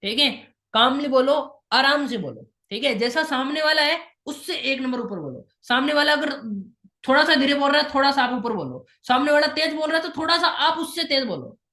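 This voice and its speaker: A woman's voice: high voice, animated, moderate pace, pushed and bright, roomy sound. A woman teaching how to invite people, repeating key points and dropping in English phrases. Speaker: sales trainer. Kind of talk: instructional talk on invitation skills.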